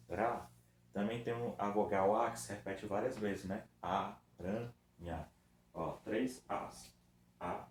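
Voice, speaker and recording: A man's voice: on the low side, a little mellow. A man teaching a recorded review lesson for children, patiently stretching out words syllable by syllable. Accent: Brazilian Portuguese. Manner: patient, drawn-out syllable-by-syllable demonstration. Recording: echoey room with faint background noise.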